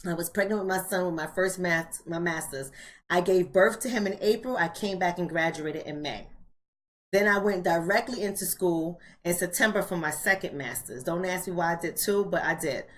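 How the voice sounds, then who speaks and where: An American woman around forty hosts a live online book club, talking to her viewers in a casual, colloquial way and repeating phrases for emphasis. Her voice sits fairly low and moves at a normal speed, with a little background noise.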